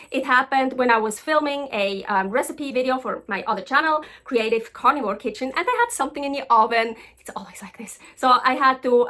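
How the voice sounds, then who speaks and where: A woman's voice: high voice, bright, forceful tone. A woman from Switzerland telling casual stories to camera as a vlogger, chatty with many ums and restarts. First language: Swiss German.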